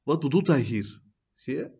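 Husky-voiced man lecturing, rising to loud emphasis. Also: sing-song, moderate pace, lo-fi sound. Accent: Dutch. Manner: rises to loud, high-pitched emphasis when making a point; peppers speech with Arabic phrases and repeated "zie je?". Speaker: religious teacher. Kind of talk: lecture on a classical book.

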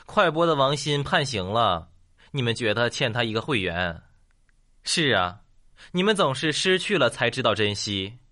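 A man who hosts a comedy show. He reads jokes aloud as a lively storyteller and acts out the lines of his characters. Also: medium pitch, moderate pace. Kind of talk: joke reading.

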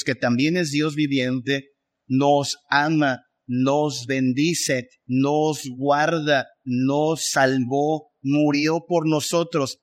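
Male preacher, slightly high voice, slow deliberate sermon delivery with rhetorical questions. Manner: emphatic, rhetorical questions, acts out voices of others.

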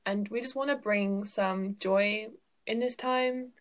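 A woman co-hosting a casual podcast, talking in an earnest, reflective, soft-spoken way with some ums and likes. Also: medium pitch, fairly even intonation, slow pace. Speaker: podcast co-host. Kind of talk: casual chat.

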